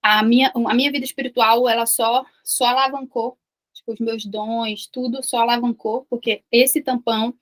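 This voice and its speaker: A woman's voice: fairly high pitch, flat delivery, normal speed, a bit bright. A Brazilian woman in her thirties sharing an emotional personal faith testimony with a live online group, repeating herself and confiding. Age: 30s. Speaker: online community host.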